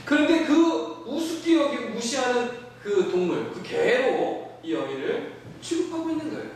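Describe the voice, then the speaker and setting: High, lively male pastor, sermon in an echoey sanctuary, mic set at a distance. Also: normal speed, a little hiss or hum. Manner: animated, acts out quoted voices, asks the congregation questions. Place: church sanctuary.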